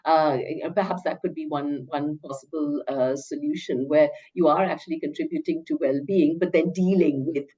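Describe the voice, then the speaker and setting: A middle-aged woman professor with a lowish, very mellow voice, heard on slightly dull audio. She reasons out loud in careful scholarly phrases, hesitating and stammering over words as she goes. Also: fairly even intonation, normal speed, few pauses. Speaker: academic researcher, professor. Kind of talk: interview answer, academic discussion.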